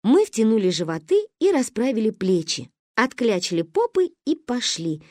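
Lively woman reading a storybook. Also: a little high, moderate pace, dry recording, studio quality. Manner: lively, expressive telling. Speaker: audiobook narrator. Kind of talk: storybook narration.

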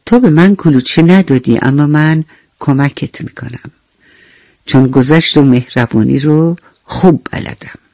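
A woman voicing a kind, forgiving little ant in a children's radio bedtime story, with a gentle, lilting delivery. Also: sits low, no room sound, dull audio. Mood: friendly.

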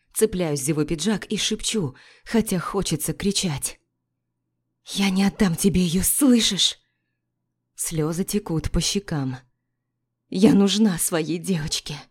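A woman's voice: fairly low pitch, darkish tone. A woman reading a first-person romance novel aloud, dramatic and emotional. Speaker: audiobook narrator.

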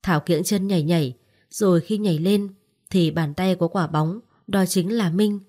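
Low-voiced woman narrating a story. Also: moderate pace, dark tone. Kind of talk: scripted audiobook narration.

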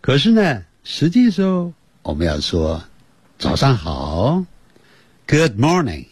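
A man teaching a slow beginner language lesson for children and parents, repeating words many times. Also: a little high, wildly swooping pitch, breathy edge, dry recording. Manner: slow, drawn-out demonstration with many repetitions. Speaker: English teacher.

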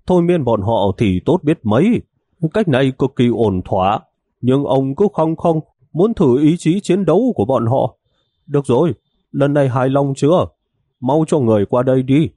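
A man's voice: medium pitch, sing-song, normal speed, dark tone, no echo, studio quality, pitched above the performer's own voice. A man voicing a sheepish male double agent who pleads his case in a raised tone. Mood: smug.

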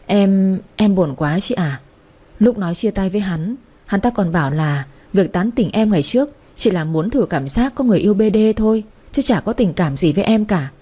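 A woman's voice: medium pitch, expressive, warm tone, husky. A woman voicing a heartbroken young man who cries and stammers as he talks, in a storybook reading. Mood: tearful. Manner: stammering, whimpering, hurried. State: crying.

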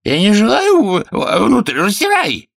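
Brief: a nasal, bratty old king, high and whiny, bossy. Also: huge pitch swings, a little slow, creaky, no echo, clean studio sound, exaggerated voice. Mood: querulous. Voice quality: nasal, whining. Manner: querulous, bossy, shouting demands.

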